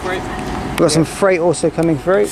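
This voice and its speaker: Higher-voiced man commentating on noisy platform. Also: fairly even intonation, measured pace. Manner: chatty, reels off train numbers. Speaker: trainspotter filming and commentating. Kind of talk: casual running commentary. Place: outdoor railway station platform. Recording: outdoor platform with clear background noise. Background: passing trains, outdoor ambience.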